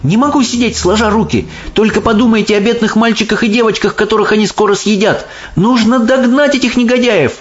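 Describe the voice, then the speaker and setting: A man voicing a brave, indignant young orphan girl who is quick to protest, in a storybook reading. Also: sits high, voice pushed up, lightly acted. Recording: dull audiobook sound, faint music.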